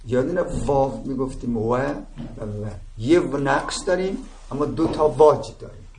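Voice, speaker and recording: A man teaching a seminary class, explaining step by step and often checking that his students follow. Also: medium pitch. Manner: explaining with frequent checks "درست شد؟". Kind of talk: religious seminary lecture. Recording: echoey room with faint ambient noise.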